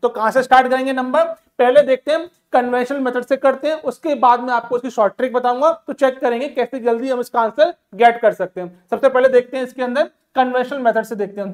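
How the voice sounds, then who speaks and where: Male math teacher quizzing his class. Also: very high-pitched. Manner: asks rhetorical questions and answers them himself; calls listeners "my dear", mixes English terms into Hindi. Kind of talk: exam-prep math lesson.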